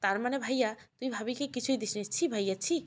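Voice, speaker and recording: A woman's voice: fairly high pitch, quick pace, close to an everyday voice. A woman voicing a cheeky, teasing younger sister in an audio story, mocking her brother.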